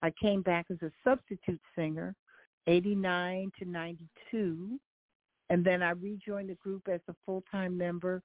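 A woman's voice: fairly low pitch, level tone, normal speed, no room sound. An older woman from Philadelphia, a guest singer, talking in a friendly, chatty way with many fillers during a call-in radio interview. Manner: friendly, talkative, lists details with many fillers. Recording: dry, tinny phone line.

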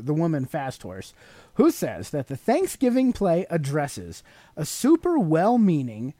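A warm, fairly high male voice, recorded with no room sound, comes from a middle-aged podcast co-host. Addressing his child, he explains things casually and teacherly, asking leading questions along the way.

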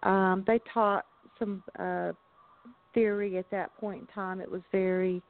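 A woman's voice: medium pitch, flat delivery, unhurried, vocal fry. Give me a woman heard over the phone, with a thin, tinny sound. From Southern United States. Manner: thoughtful, with frequent ums and restarts. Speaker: guest musician. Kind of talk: casual interview chat.

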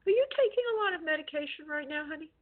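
A woman working as a psychic medium on a call-in show, giving spoken spirit readings in a gentle, consoling way with affectionate endearments. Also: high voice, lively intonation, very fast. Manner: gentle, consoling, using endearments like love and honey. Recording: tinny phone-like call-in audio.

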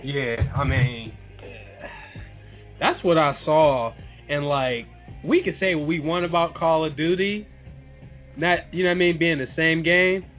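A man's voice: on the high side, a little slow, long pauses. A man with an American accent in casual, slangy chat as a podcast co-host talking games. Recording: tinny phone-like voice call, music behind.

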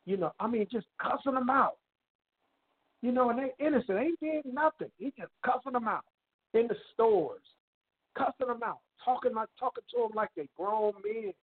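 A man calling in to a church prayer group over the phone on speakerphone, talking in a halting way and repeating himself. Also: extremely high pitch, lively intonation, slightly rough. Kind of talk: casual church prayer-call sharing. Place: a bathroom, away from family. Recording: tinny speakerphone line.

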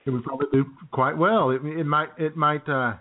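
Over a tinny, phone-like internet radio line, a man co-hosts a political comedy radio show with casual, wry joking banter and frequent chuckles. His voice is a little high and steady, at a fairly quick pace.

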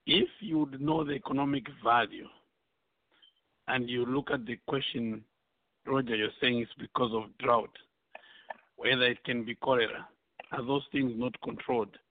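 A man's voice: medium pitch, no room sound. A man from Zambia on a discussion panel, arguing his point and pressing one question after another. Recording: dry phone-like line.

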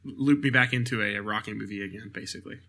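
A man in his thirties, co-hosting a podcast, trading deadpan jokes in casual chat. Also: on the low side, quick pace, vocal fry. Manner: jokey, deadpan one-liners. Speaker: podcast co-host.

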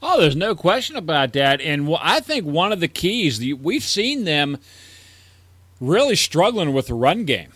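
A man's voice: on the high side, sing-song, moderate pace, a bit bright, no echo. A man co-hosting a fantasy sports show in casual chat, agreeing readily and ticking off team records. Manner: agreeable, ticks off stats and records. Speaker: fantasy sports podcast co-host.

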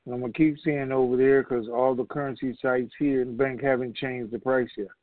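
A conference call host talks casually and ramblingly to the group over a muffled, narrow-band phone line. His mid-range voice is fairly quick with little pitch movement and no echo.

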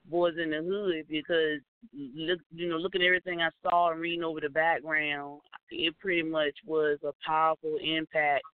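Radio co-host guy, smooth clear voice, phone-line tinny, keeps saying mm-hmm. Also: on the high side, flat delivery, normal speed, dry recording. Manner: encouraging, frequent affirming murmurs. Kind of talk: casual interview chat.

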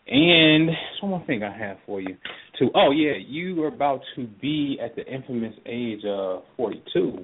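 Man reading astrology over a phone line. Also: lowish voice. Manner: encouraging, folksy, uses y'all. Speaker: astrology and tarot reader, co-host. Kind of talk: call-in reading, casual advice.

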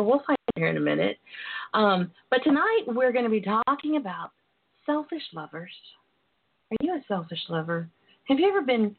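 A woman hosting an informal sex talk show, chatty, sassy and flirty, with drawn-out emphasis. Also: medium pitch, husky. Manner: sassy, flirty, drawn-out emphasis, calls listeners honey and darlings. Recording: tinny phone-line audio.

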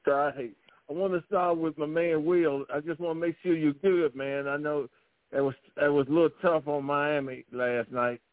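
A man's voice: fairly high pitch, steady tone, moderate pace, no echo. A man co-hosting a sports radio panel in casual, easygoing, joking chat. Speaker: co-host leading sports panel. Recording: dry, phone-like line.

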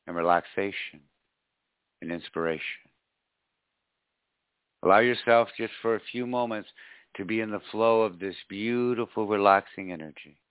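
A man leading a spiritual guided meditation in a slow, soothing, hypnotic way, with long pauses and repeated phrases. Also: deep voice, no echo. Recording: dull lo-fi audio, music behind. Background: faint music.

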